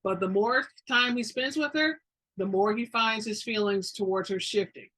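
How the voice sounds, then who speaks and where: A woman reads fiction aloud as a dramatic narrator. Her voice is bright and forceful, sitting at a middle pitch. Her delivery is informal, with the odd stumble over a word. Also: moderate pace. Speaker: reader of a romance fantasy novel. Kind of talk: dramatic reading of a story.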